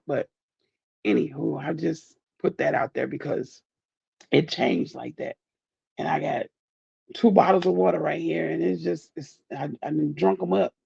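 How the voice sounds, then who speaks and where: A grieving YouTuber with a dark, husky, deeply gravelly voice, one he calls groggy, chats casually to the camera to thank his viewers. He speaks slowly and softly, in a rambling, heartfelt way. The recording is dull, dry and a bit lo-fi, with no room sound.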